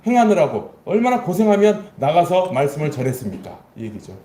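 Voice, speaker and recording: A man preaching a Sunday sermon as pastor, animated, asking his congregation questions and acting out lines in a spoken voice. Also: fairly high pitch, fairly quick, echoey room. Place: church sanctuary.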